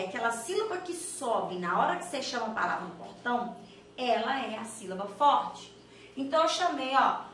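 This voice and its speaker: Brazilian woman, lively online grammar teacher, raised voice, echoey room, slight distance from the mic. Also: sits high, slight background noise. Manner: lively, chatty, asks the viewer questions. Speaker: Portuguese teacher. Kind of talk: online exam-prep lesson.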